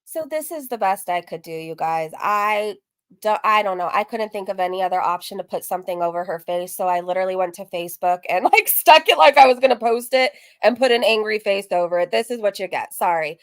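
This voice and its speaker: Teasing and mocking, a woman streamer offers casual commentary to her viewers as she reacts. She speaks fairly quickly with a medium-pitched, animated voice, with no echo.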